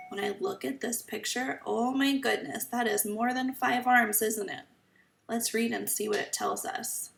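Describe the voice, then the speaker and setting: High-pitched woman, kids show host, creaky edge. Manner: kids show host, addressing children with questions and simple explanations. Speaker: children's teacher reading a picture book aloud. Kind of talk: children's story time read-aloud lesson. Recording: roomy echo, slightly distant mic.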